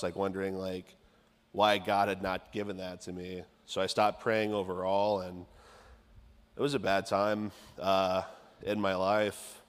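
A young man in his twenties giving a personal testimony in church, halting and rambling with many fillers. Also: sits low, clear, resonant tone. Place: church sanctuary. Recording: long church reverb.

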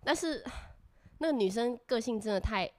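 A young woman from Taiwan with a Taiwanese Mandarin accent, chatting as a podcast guest, animated and talkative, laughing often. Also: on the high side, moderate pace. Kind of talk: casual chat.

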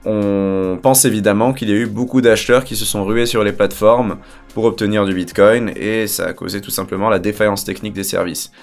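A man hosting a weekly crypto news bulletin to camera, delivering headlines with joking asides in an upbeat presenter manner. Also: on the low side. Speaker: crypto news show host.

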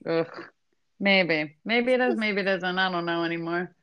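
A woman's voice: on the low side, moderate pace, clean tone. A woman co-hosting a podcast, chatting casually and rambling with lots of fillers and laughs. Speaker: podcast co-host. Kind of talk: casual chat. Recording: dull lo-fi sound.

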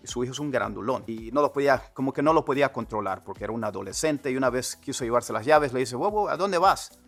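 A man's voice: medium pitch, faint music behind. Spanish-speaking man teaching English phrases. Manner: animated, repeats English phrases slowly for learners. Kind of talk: Spanish-language English lesson.

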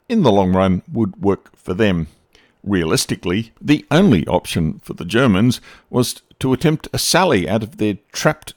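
A man giving scripted history narration with an expressive, storytelling delivery. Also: fairly low pitch, no echo, clean studio sound.

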